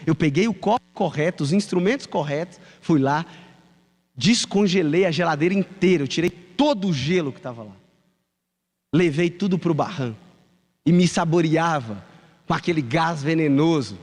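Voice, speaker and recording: A male pastor tells a story from the pulpit, calling out to the congregation. His voice sits high for a man, and it rings with long reverb through the church hall. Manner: animated storytelling, addresses the congregation. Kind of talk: sermon.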